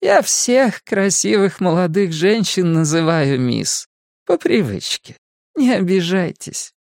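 A high, creaking old woman's voice, as a male reader puts her on, stretching every word slowly and slyly. She is a monstrous storybook hag. The recording is dry and close, with no room sound. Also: sing-song, a little mellow, no echo, heavily acted. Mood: friendly. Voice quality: creaky, slow and drawn out. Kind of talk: audiobook character voice.

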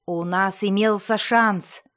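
A woman reading an audiobook, voicing a harsh young male dark elf warrior who speaks sharply and coldly. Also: mid-range voice, fairly even intonation, slow pace. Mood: angry.

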